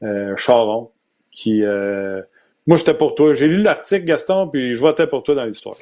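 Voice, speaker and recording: A man with a Québécois French accent, hosting a casual hockey chat and chiming in with quick remarks. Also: mid-range voice, animated, dark tone. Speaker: host.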